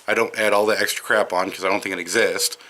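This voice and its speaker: A man with a light Wisconsin accent talks off the cuff outdoors during a smoke break. His slightly low voice has a bright, forceful edge. He rambles, with plenty of fillers and false starts. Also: level tone, fast talker. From Madison, Wisconsin, USA. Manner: rambling, with frequent fillers and restarts. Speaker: video commentator. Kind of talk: casual unscripted monologue.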